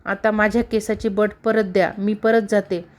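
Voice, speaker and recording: A woman's voice: medium pitch, little pitch movement, moderate pace, close to an everyday voice. A woman reading as a wronged ghost wife. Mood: aggrieved. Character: young ghost woman posing as loyal wife.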